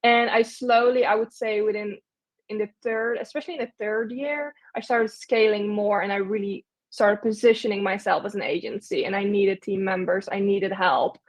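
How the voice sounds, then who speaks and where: A young Dutch woman, medium-pitched and moderately paced, talks casually as an interview guest. She owns an agency, and her speech is full of fillers and restarts.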